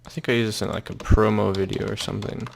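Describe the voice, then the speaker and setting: A young man casually walking through a software tutorial, loose and halting with lots of fillers and restarts. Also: on the low side, flat delivery, creaky, slight background noise. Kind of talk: casual screen-recorded tutorial.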